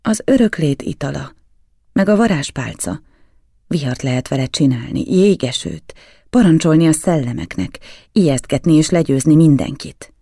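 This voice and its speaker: A man voicing a distrustful young male servant who speaks hoarsely, defiant and halting. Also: high-pitched, expressive, dark tone, no room sound, studio quality, voice pushed up, exaggerated voice. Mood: eager.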